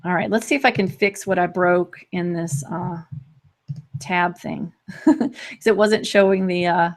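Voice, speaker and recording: Fast-talking, chatty woman demo host. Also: fairly low pitch, fairly even intonation. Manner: fast, chatty, restarts sentences often; laughs lightly between points. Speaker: host demonstrating software. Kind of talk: live screen-share software walkthrough.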